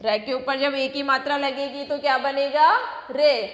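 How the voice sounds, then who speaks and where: A woman's voice: sits high, flat delivery, a little slow, a bit bright. A woman primary school teacher giving a recorded class lesson, sounding out syllables one by one and asking children questions she answers herself. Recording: echoey room with long reverb.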